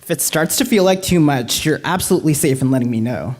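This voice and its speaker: A young woman playing a sorority sister who gently questions her friend's relationship. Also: sits low, lively intonation, quick pace. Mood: concerned. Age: young adult. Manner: questioning, supportive. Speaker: student acting in a skit.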